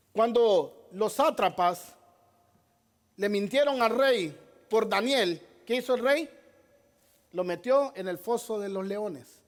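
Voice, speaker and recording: Man, very high voice, pastor preaching, emphatic, rhetorical questions, repeats himself. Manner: repeats key phrases, addresses listeners as brother. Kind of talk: sermon.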